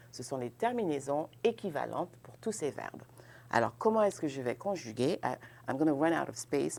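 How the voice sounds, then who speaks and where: Slow, gravelly-voiced woman teaching French. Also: a bass voice, slight background noise. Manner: slow, patient, checks in with "n'est-ce pas" and "ok". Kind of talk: grammar lesson at a board, mixing French and English.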